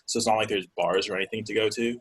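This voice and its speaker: Young man, low voice, husky, halting, filler-heavy, interview guest. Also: fairly even intonation, fairly bright tone, poor audio. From Georgia, US. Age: young adult. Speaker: guest, college student. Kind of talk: casual interview chat.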